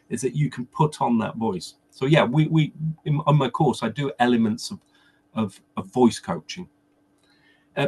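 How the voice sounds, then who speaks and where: A man's voice: mid-range voice, vocal fry, slightly rough. A man working as a pronunciation coach, explaining things conversationally in a workshop and often restarting and repeating words as he thinks.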